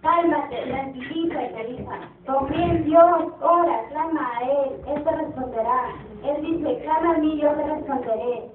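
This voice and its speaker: A young woman in an amateur church play, acting a female pastor who calms and comforts a distressed mother. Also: high-pitched, measured pace, slight background noise. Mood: soothing. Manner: soothing, consoling. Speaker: church youth actor. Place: church hall. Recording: distant, echoey, tinny.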